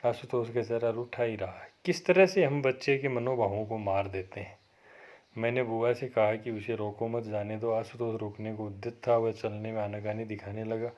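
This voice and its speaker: With a voice on the low side and a moderate pace, a male college lecturer reads a story to his class and walks them through it. He stays steady, with occasional self-corrections, and the audio is dull.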